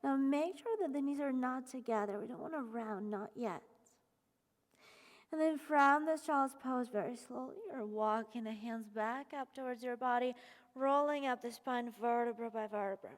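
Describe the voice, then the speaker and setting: A woman leading a yoga class, giving calm, encouraging step-by-step cues and sounding slightly out of breath. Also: on the high side, moderate pace, in a large hall. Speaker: yoga instructor. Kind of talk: guided yoga class instruction.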